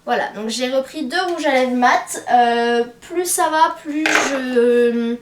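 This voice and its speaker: A young woman with a slightly high voice chats about beauty buys, filling her sentences with hesitant fillers. She is recorded from a little way off the mic, and the room adds a clear echo. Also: takes it slowly, far from the mic. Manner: chatty, many hesitant fillers. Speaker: beauty vlogger. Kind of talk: casual haul chat to camera.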